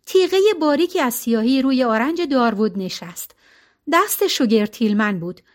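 A woman reading a novel aloud as narrator, in a calm, even way with colloquial phrasing. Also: on the high side. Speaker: audiobook narrator.

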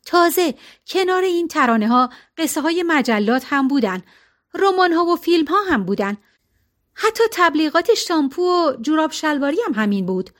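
A woman reading a novel aloud as narrator, in a calm, even way with colloquial phrasing. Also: high voice. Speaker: audiobook narrator.

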